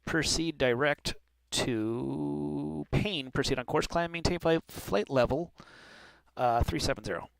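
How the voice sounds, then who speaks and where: Clear, higher-pitched man as traffic controller. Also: unhurried, no echo. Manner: informal asides amid formal instructions. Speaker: air traffic controller in online flight simulation. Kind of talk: clipped air traffic control phraseology.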